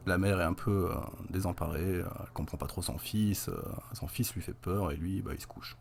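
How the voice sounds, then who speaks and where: A man's voice: deep voice, a little fast, vocal fry, slight background noise. A young adult man casually recapping a horror film for a review, chatty and wry, with many fillers.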